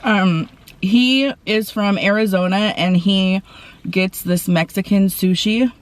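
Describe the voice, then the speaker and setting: A woman vlogger from the Portland area chatting casually while eating, with soft mumbled asides over her food. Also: mid-range voice, steady tone, slow, slight background noise. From Portland, Oregon area. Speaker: mukbang vlogger. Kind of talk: casual eating-show chat.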